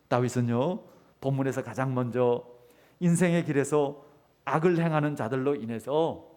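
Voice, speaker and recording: A man's voice: fairly high pitch, a little mellow. A man preaching as pastor to his congregation, asking them questions and acting out short quoted voices. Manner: teaching with call-and-response questions to the congregation; acts out quoted voices with rising emphasis. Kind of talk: sermon.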